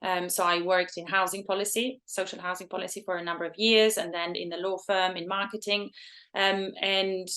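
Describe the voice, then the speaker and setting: A woman's voice: lowish voice, little pitch movement, brisk, bright, forceful tone. A woman in her forties from Albania, a photographer talking as an interview guest, thoughtful and hesitant with many ums. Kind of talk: interview conversation.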